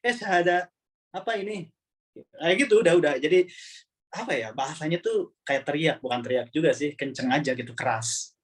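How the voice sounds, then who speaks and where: A man's voice: fairly high pitch, fairly quick. Chatty male online language teacher. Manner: relaxed, chatty, repeats words while explaining. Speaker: Arabic teacher.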